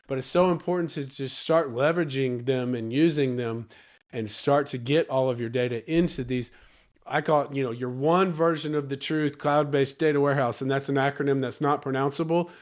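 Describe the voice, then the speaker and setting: A man from Alabama with a soft Southern drawl, getting over a cold, explains things like a coach in an interview, emphatic and encouraging, repeating key phrases. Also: medium pitch, steady tone, a little fast. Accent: Southern Alabama, United States. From Alabama, United States. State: recovering from a cold. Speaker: data coach and interview guest.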